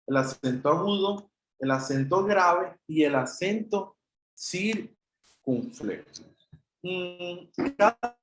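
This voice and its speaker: A man's voice: high voice, lively intonation, takes it slowly, reverberant, rough recording. A man teaching an online Greek class, explaining patiently step by step and addressing students as brothers, with a Chilean Spanish accent.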